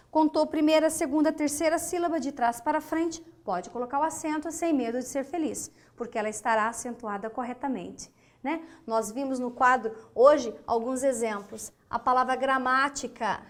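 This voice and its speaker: A woman teaching grammar with a Brazilian Portuguese accent, counting syllables aloud and checking in with her students as she goes. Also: high voice. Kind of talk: recorded online grammar lesson at a board. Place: lesson studio with a whiteboard.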